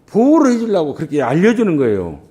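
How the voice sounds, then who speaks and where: A middle-aged man preaches from the pulpit of a church, his voice rising and falling in wide, lively swings. He throws rhetorical questions out to the congregation and drives his points home with emphatic bursts. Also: fast talker. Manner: emphatic preaching with big swings in pitch and volume. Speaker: pastor. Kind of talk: sermon. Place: church sanctuary.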